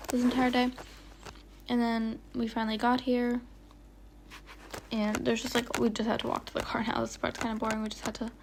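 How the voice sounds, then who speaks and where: She sounds young, bright, and chatty, with a fairly high voice and a little hiss or hum in the audio. The vlogger narrates a casual travel video as a voiceover, not on location, rambling, dropping "like" often, and stuttering over words.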